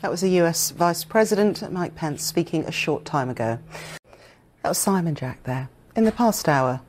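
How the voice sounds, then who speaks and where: A woman presenting the news from a television studio, composed and crisp in her formal delivery. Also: sits low, darkish tone. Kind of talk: news reading.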